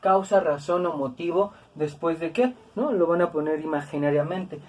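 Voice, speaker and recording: A woman's voice: fairly low pitch, moderate pace, a little mellow, recorded from a distance. A woman teaching a grammar lesson, patient and repetitive, with tag questions and fillers. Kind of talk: explanatory lesson.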